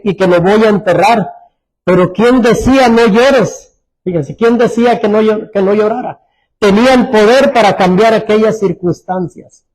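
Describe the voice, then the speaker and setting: High-voiced male pastor preaching. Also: poor audio. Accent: Mexican Spanish. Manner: preaching with sudden drops to soft, low tones; repeats phrases, restarts words. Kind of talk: sermon.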